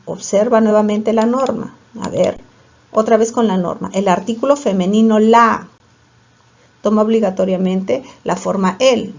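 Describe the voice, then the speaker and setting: A woman's voice: mid-range voice, darkish tone. A woman teaching a grammar lesson, asking questions and answering them herself. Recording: slightly dull lo-fi audio.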